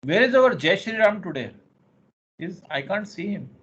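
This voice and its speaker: A man's voice: sits high, sing-song, normal speed, a bit bright. A man with an Indian accent lecturing to a class on law, often repeating phrases and checking understanding with questions. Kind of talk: interactive online lecture. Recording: muffled, clearly noisy online class audio.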